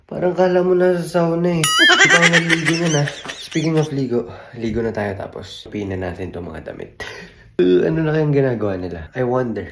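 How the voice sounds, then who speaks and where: A man's voice: medium pitch, sing-song, fairly quick, vocal fry, a little hiss or hum. A young man vlogging casually from home, sleepy and stuffy with a cold, chatty and laughing between lines. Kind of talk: casual vlog chat. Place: home and shopping mall. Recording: echoey room with loud music.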